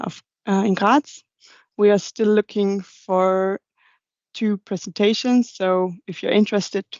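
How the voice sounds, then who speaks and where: A woman's voice: medium pitch, darkish tone, no room sound. Young woman presenting, slightly muffled audio. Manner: halting, non-native English phrasing. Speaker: presenter for a young engineers' group. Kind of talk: informal slide presentation. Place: online video meeting. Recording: dull, muffled online call audio.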